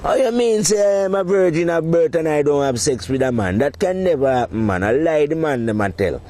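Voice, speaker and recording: A man talking in a casual, rambling monologue, provocative and quick to laugh at his own points. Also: fairly high pitch, animated, dark tone. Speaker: podcast host.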